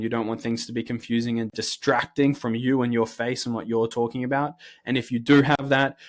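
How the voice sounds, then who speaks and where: A man's voice: mid-range voice, no room sound. A man in his twenties with an Australian accent, giving blunt, direct career advice to camera and often checking in with "right?". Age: 20s. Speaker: sales career coach. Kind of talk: instructional talk to camera.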